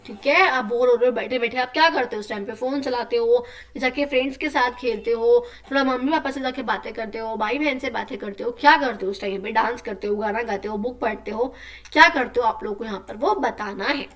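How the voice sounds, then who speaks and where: Female teacher for young kids, high voice, mic a bit far off, repeats and quizzes. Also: a bit bright. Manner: repeats words slowly for children, asks rhetorical questions. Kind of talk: explaining a school lesson to children.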